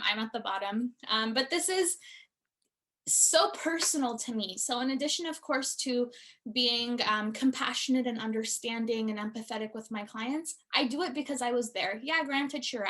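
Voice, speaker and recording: A woman with a slightly high voice presents an immigration webinar as an attorney. She is earnest and friendly, and she scatters "um" fillers through nearly every sentence. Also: fairly bright tone. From born in Iraq, raised in the United States.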